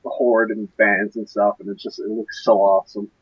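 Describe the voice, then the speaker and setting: Young male co-host, low husky voice, dry close sound, rambling and hunting for words. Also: little pitch movement, moderate pace, rough recording. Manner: rambling, searching for words with many fillers. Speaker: podcast co-host. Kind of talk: casual gaming podcast chat.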